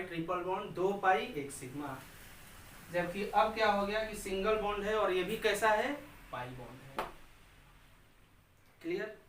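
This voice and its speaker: With a high, somewhat bright voice, a male chemistry teacher lectures students, firing off questions he answers himself and chanting key terms over and over. It was recorded in an echoey room on a far-off mic, leaving a faint hiss.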